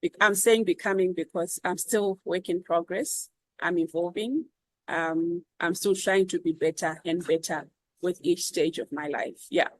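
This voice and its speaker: Zimbabwean woman guest, earnest, fairly low-pitched, unhurried with frequent fillers. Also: fairly even intonation, dry recording, rough recording. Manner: earnest, measured, many ums and repeats. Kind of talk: reflective interview answers.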